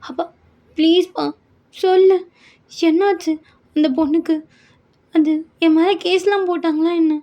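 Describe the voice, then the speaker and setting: A woman's voice: very high-pitched, fairly even intonation, measured pace, pauses often, warm tone, voice pushed up. A woman voicing a desperate young daughter who pleads through tears. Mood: tearful. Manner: pleading, tearful. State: crying.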